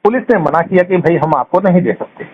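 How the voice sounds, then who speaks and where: Talking fast in a high voice, a man on the telephone lays out a long account blaming others, his tone scornful and blunt, his phrasing casual, with rhetorical questions along the way. The call sounds muffled, with clearly audible noise.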